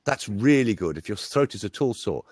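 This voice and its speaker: Lively low-voiced man telling anecdotes. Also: moderate pace. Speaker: voice coach. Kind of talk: casual interview chat.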